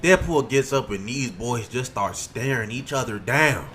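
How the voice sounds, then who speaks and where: A man's voice: mid-range voice, lively intonation, unhurried, fairly bright tone, slight background noise. A man in his twenties giving a joking, slang-heavy recap of fight scenes, full of hype and asides. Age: 20s. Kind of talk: comedic recap narration. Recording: music bed under voice.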